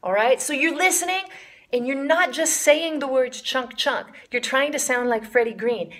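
A woman's voice: high voice, moderate pace, fairly bright tone. A woman teaching a casual jazz lesson to camera, enthusiastic and chanting rhythmic syllables to demonstrate the beat.

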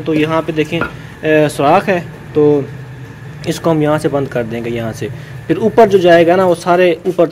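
A man's voice: a little high, a little mellow, a little hiss or hum. A man vlogging casually, chatty as he explains building work around his house step by step. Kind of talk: casual home vlog chat.

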